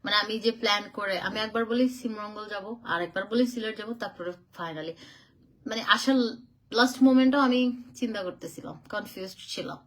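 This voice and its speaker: A woman's voice: medium pitch, a little fast, a bit bright. A woman from Chittagong chats on a live stream, answering viewer comments as she goes. She talks loosely and mixes in English phrases. She sounds a little tired from travelling. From Chittagong, Bangladesh. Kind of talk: casual live-stream chat.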